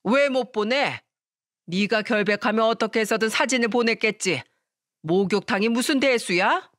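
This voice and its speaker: A woman voicing a suspicious, bossy older mother-in-law who scolds and accuses loudly. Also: medium pitch, normal speed, no room sound, studio quality, close to an everyday voice. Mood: scolding.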